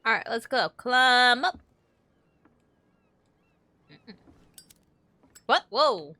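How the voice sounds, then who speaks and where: Casting: young woman gamer, bright voice, slow, chatty and wisecracking commentary. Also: fairly high pitch, very animated, no echo. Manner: chatty, joking, swears freely. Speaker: gaming streamer. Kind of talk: casual gameplay commentary.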